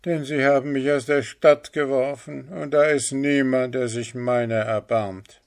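A man's voice: mid-range voice, steady tone, a little slow, vocal fry, voice pushed up. A man voicing a desperate male leper begging at a town gate, raised and pleading. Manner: loud pleading. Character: desperate beggar with leprosy, male.

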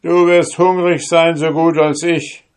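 A man's voice: on the high side, little pitch movement, measured pace, clear, resonant tone, pitched above the performer's own voice. A man doing a cocky, fearless soldier. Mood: boisterous. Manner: loud, boisterous, raised voice. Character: bold hungry male soldier, cheeky and fearless.

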